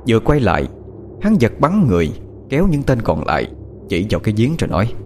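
A man's voice: on the low side, huge pitch swings, fast, a little hiss or hum. A man narrating a ghost story in a dramatic, suspenseful way. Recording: soft music behind the voice.

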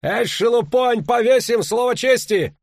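Audiobook casting: man voicing a high, loud, slow-drawling boastful baron knight. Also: animated, dry recording, clean studio sound. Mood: blustering. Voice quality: loud, drawn-out, bellowing. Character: pompous blustering male knight baron.

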